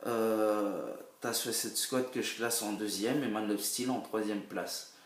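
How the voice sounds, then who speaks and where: A young man reviewing a film casually, rambling with many fillers and bursts of excitement. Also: lowish voice, measured pace. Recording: roomy echo, a bit far from the mic.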